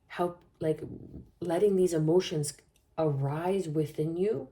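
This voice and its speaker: A woman's voice: deep voice, gravelly, warm tone. A woman giving a spoken tarot reading in a flowing, soothing way, often checking in with "okay?". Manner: flowing, soothing, repetitive phrasing with frequent "okay?". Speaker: tarot reader.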